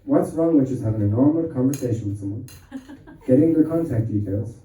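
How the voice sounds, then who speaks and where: A man's voice: medium pitch, a little fast, mellow. An Irish man working as MC, telling crude, laid-back jokes and introducing the next comedian. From Ireland. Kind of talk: stand-up comedy and introducing acts. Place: pub stage with live audience. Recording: echoey pub from a distant mic.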